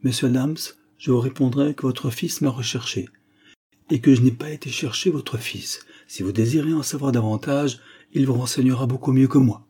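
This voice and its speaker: A man voicing a shy but dignified young woman speaking with quiet composure. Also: mid-range voice, moderate pace, breathy edge, voice pushed up, lightly acted.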